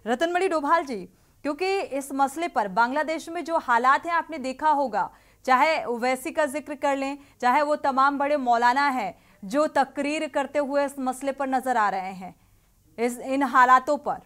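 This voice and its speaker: A woman's voice: high-pitched, unhurried, fairly bright tone. A woman anchoring a TV news debate, putting pointed questions to the panelists. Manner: pressing, questioning.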